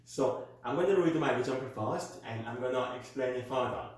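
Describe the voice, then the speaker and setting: A man with a Korean accent works as a tutor and reads model exam answers aloud, slowly and carefully so learners can follow. His voice sits at an ordinary pitch for a man. It rings out in a very echoey room. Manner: slow, careful delivery for learners. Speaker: IELTS speaking tutor.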